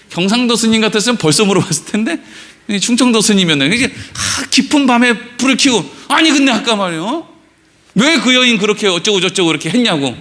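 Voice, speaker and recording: A man's voice: high voice, sharp tone. A middle-aged man preaching a sermon in church, telling a story with lots of questions to the congregation and acting out the characters' lines. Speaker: pastor. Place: church sanctuary.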